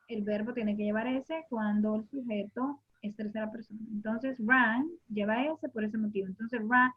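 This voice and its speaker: High-voiced patient woman teaching a class. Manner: patient, repeats and quizzes students. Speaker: English teacher. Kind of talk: classroom lesson. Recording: muffled lo-fi recording.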